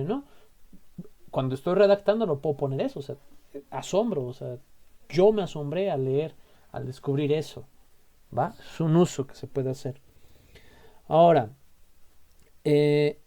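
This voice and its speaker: Mexican man, relaxed chatty teacher, warm mellow tone, explains point by point. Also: on the high side. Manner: chatty, explains with lots of "o sea" and "¿no?" tags. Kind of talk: casual online grammar lesson.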